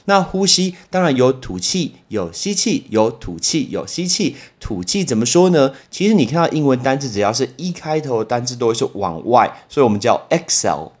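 Male podcast teacher, Taiwanese Mandarin accent, casual lesson, lively storyteller who drags out and repeats key words. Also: medium pitch. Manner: slows down to repeat and spell English words. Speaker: English teacher and podcast host. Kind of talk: casual vocabulary lesson with anecdotes.

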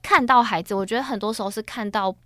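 A woman's voice: medium pitch, fairly bright tone, dry recording. A woman in her thirties with a Taiwanese Mandarin accent, a school psychologist earnestly explaining as a guest in a radio studio interview. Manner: earnest, explanatory, quick-talking.

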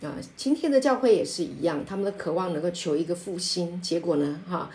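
A woman pastor teaching a Bible study, emphatic and lively, with frequent filler sounds and light laughs. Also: lowish voice, fairly quick, slight background noise. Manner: laughs often while explaining.

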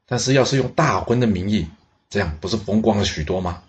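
A man's voice: lowish voice, lively intonation, fast talker, slightly rough. A man voicing a stern ruler who speaks coldly and with command. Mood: persuasive. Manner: cold, commanding. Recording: dull lo-fi recording.

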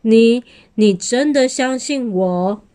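Woman reading as a big worn-out t-rex uncle, slow and halting, storybook. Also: fairly high pitch, mellow, smooth. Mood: weary. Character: big gruff male tyrannosaurus, softened.

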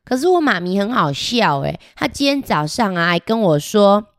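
Reading a picture book aloud, the woman takes on a chatty little boy soon to start kindergarten and addresses the children directly with playful giggles, sounding cheerful and boastful. Her medium-pitched voice is sing-song at normal speed, captured in clean studio sound without room ambience.

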